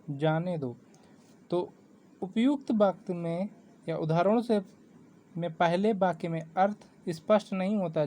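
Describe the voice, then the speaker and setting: Man, grammar lesson, mellow voice, steady explaining, faint background noise. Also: sits high. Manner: reads definitions steadily, counting items off with English ordinals. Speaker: exam-prep teacher.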